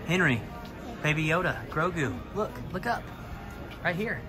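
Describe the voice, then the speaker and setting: A vlog host films a casual walking tour of a big store on a handheld phone camera, upbeat and pointing things out as he walks, later ending up indoors in a car. His voice is fairly high, very animated, and unhurried, with loud music playing behind it.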